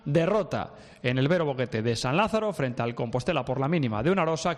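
A man's voice: on the high side, in a large hall. A man hosting a sports news radio show, giving emphatic, outspoken opinions from the studio.

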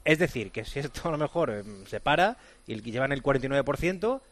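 Sports guy on radio, talks fast, explaining rules, dry sound. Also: mid-range voice, animated, no echo. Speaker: sports commentator.

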